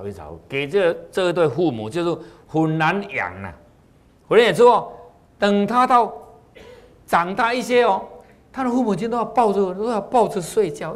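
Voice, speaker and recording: A man telling a moral folk tale in an animated way, repeating phrases and padding them with filler particles. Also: a little high. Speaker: storyteller.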